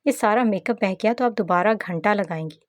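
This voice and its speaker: A woman's voice: medium pitch, brisk, no room sound, natural voice. A woman voicing a playful, devoted young husband in a read-aloud novel. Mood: teasing. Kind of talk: scripted novel narration with acted dialogue.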